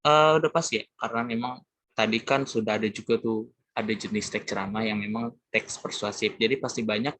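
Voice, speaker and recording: Low-voiced young man presenting to class. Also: fairly even intonation, brisk, fairly bright tone. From Indonesia. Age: young adult. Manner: hesitant, many fillers, addresses classmates casually. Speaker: student presenter.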